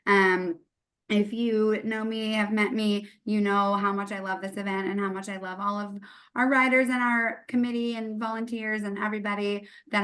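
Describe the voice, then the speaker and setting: A woman's voice: medium pitch, a bit bright. A charity staff member introducing herself on a video call, losing her voice and rambling with many ums. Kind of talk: casual self-introduction.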